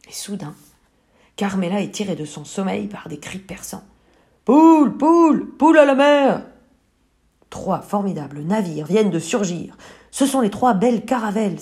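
Woman reading a kids picture book out loud, expressive, big pauses. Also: mid-range voice. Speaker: storyteller.

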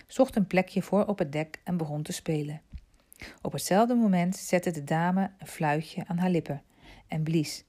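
A woman narrating a storybook aloud in a calm, soft-spoken way. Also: lowish voice.

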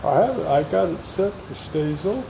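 An older man who is the host's father, muttering and swearing gruffly while he works on a vehicle in a garage. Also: a little high, lively intonation, fairly quick, background noise. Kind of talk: casual chat while fixing a vehicle.

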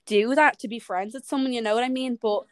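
A woman's voice: on the high side, fast, no echo. A young Irish woman in her twenties, a podcast guest talking frankly in a rambling, casual way full of "like". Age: 20s. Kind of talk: casual interview chat. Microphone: remote call audio.

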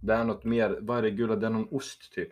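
A man's voice: lowish voice, little pitch movement. A young man, co-hosting a casual podcast chat, playful and sprinkling in English words. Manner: playful, mixes in English words, laughs often. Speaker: podcast co-host.

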